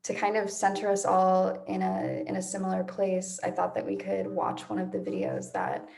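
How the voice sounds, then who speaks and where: A woman's voice: medium pitch, normal speed, vocal fry, a little mellow. A woman hosting an online session in a casual, effusive, gushing manner. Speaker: host.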